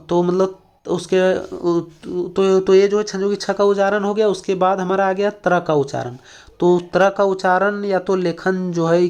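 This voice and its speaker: A man's voice: high-pitched, a little mellow. A man from Jharkhand teaching an exam-prep language lesson, explaining step by step with lots of fillers and repeated questions to the class. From Jharkhand, India.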